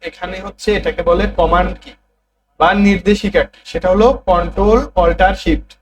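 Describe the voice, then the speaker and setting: A man's voice: high-pitched, steady tone, a little fast, low-quality recording. A man teaching a computer class, repeating terms and prompting students to say them back. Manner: repetitive, drilling students to answer back. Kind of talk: classroom lesson.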